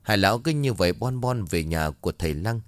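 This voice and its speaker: A man narrating a ghost story in a steady, even way. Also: lowish voice, a little fast, no echo.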